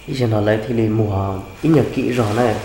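A man's voice: fairly low pitch, very fast, vocal fry, warm tone, a little hiss or hum. A young man hosting a home cooking vlog, chatting casually as he cuts meat, sitting on the floor indoors. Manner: chatty, explaining while cutting meat. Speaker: vlog host. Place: indoor home room, seated on floor mat.

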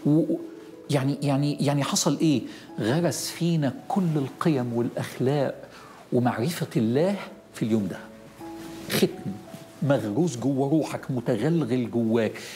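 A middle-aged Egyptian preacher with a gravelly, creaky voice talks quickly and with emphasis, hammering home his key phrases. He speaks straight to the listener, and faint music plays under his sermon. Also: mid-range voice, dark tone. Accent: Egyptian Arabic.

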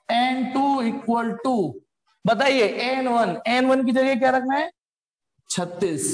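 A man's voice: very high voice, echoey room. A man teaching a physics class, calling his students beta and quizzing them as he works through each step. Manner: addresses students as beta, asks them questions.

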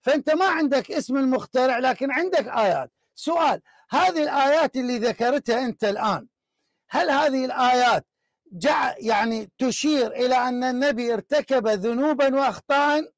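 A man's voice: extremely high pitch, a little fast, no room sound. A man hosting a heated live religious debate, pressing and repeating his challenges. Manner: forceful, insistent, repeats challenges. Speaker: debate show host.

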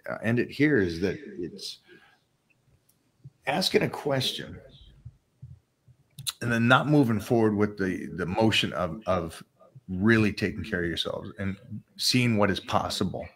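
A man's voice: lowish voice, a little slow, long pauses, fairly bright tone. A man co-hosting a live question-and-answer show, teasing and motivational, talking into a desk mic in a studio. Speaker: co-host. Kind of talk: live Q&A chat. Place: studio set with backdrop. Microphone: desk microphone.

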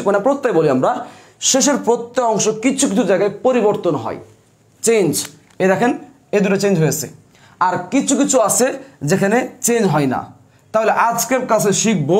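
High-voiced, insistent grammar teacher. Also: male voice. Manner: repeats instructions insistently, asks and answers his own questions. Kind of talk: exam-prep lesson.

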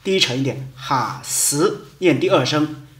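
A man teaching a memory lesson, chanting short mnemonic verses slowly and deliberately. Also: on the high side. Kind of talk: educational lesson with mnemonic rhymes. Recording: echoey room.

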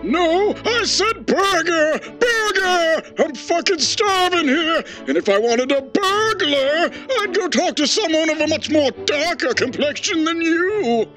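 A man's voice: very high voice, animated, a little slow, few pauses, bright, forceful tone, faint music behind, full character voice, low-quality recording. A man voicing a brash, demanding old wizard who declaims indignantly in a cartoon parody.

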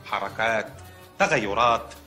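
An actor playing a calm, matter-of-fact doctor with an Egyptian accent, in a comedy film. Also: male voice, lowish voice, a little slow, soft background music. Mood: deadpan. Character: deadpan male doctor delivering odd news.

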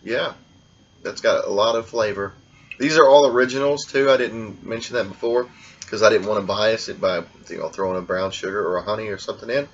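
A man hosting a casual blindfolded taste test, talking in a relaxed, rambling way. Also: on the low side, brisk, husky, muffled recording. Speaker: food vlogger.

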